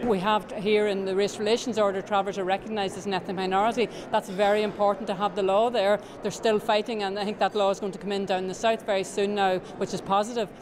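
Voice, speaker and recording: A woman gives a formal spokesperson interview at a brisk clip, articulate and measured in her wording. A busy crowd is audible around her. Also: mid-range voice, flat delivery. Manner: articulate, policy-minded. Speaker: advocate for Traveller rights. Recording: busy crowd and street noise behind.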